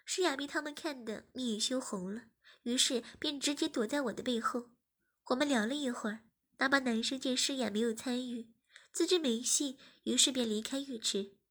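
High-voiced woman reading a story. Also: a bit bright. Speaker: story reader. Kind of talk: scripted narration.

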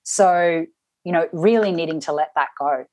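Low-voiced woman telling a personal story. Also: moderate pace, darkish tone, no echo. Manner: reflective, with frequent restarts and acted-out quotes. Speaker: interview guest.

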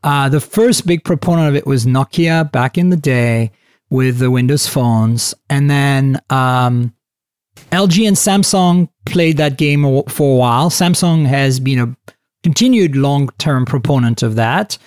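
A man hosting a casual tech podcast, talking in an animated, chatty way with lots of fillers and restarts. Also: mid-range voice, unhurried, clean tone, no echo, clean studio sound. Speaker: podcast host.

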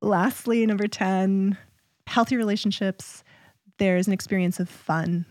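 A woman of middle pitch co-hosting a casual relationship podcast. She walks through points in a clear, steady, explanatory way. The recording is dry and close, with no room echo. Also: a little slow. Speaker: podcast co-host.

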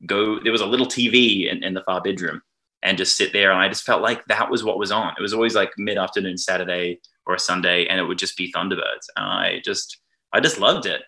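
Brisk and forceful, this low-pitched, bright, steady voice belongs to a man in his 30s with an Australian accent, raised in New Zealand. As a podcast guest he chats casually and rambles, often cutting himself off mid-sentence and laughing between ideas.

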